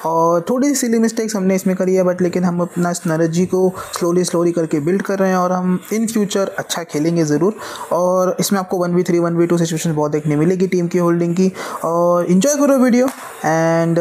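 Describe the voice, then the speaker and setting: Relaxed young man opening a gaming video. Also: high-pitched, slight background noise. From Maharashtra, India. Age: 20s. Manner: relaxed, mixes English phrases into Hindi. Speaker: gaming channel host. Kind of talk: casual video intro.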